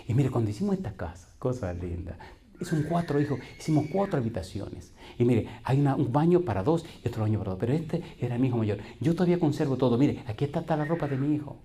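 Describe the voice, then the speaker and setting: A man's voice: medium pitch, dark tone. Man preaching with call-and-response questions. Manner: folksy storytelling with voiced quotes. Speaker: pastor. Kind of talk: sermon.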